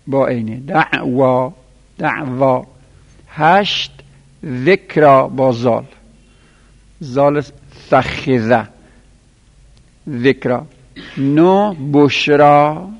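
A man teaching a class, counting out items one by one and spelling their letters slowly for students to write down. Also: mid-range voice, creaky. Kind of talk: classroom lesson dictating Arabic verbal nouns. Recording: lo-fi recording in a reverberant room.

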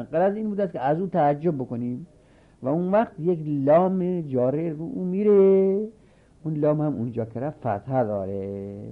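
A man teaching a seminary grammar lesson. He reads a line of the text aloud, then explains it step by step and repeats his examples slowly. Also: mid-range voice, gravelly. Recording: narrow phone-like sound.

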